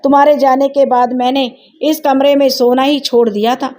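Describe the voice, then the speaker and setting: Old dying husband, weary and remorseful, soft pleading tone, read by a woman with a mellow, dark voice. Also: high voice, steady tone, moderate pace, pitched above the performer's own voice, close to an everyday voice.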